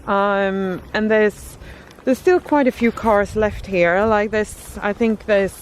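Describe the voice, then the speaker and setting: A woman in her thirties talking casually for a vlog, haltingly, as if thinking aloud. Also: medium pitch, poor audio. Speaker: vlogger, travelling parent. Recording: steady background noise, vehicle-like ambience.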